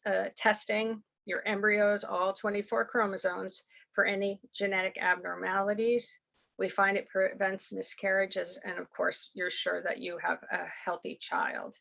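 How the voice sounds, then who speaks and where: A woman from a surrogacy agency who explains things quickly over a video call, rambling with many fillers and restarts. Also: medium pitch, vocal fry, sharp tone, muffled recording. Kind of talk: online information session, explaining and answering questions.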